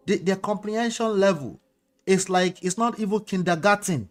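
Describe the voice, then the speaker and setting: Over soft background music, a man with a Nigerian accent works as a relationship coach, casually reacting to viewer comments. His voice is high-pitched and moderately paced, and he drives his points home emphatically, frequently tagging them with "okay?" or "you know."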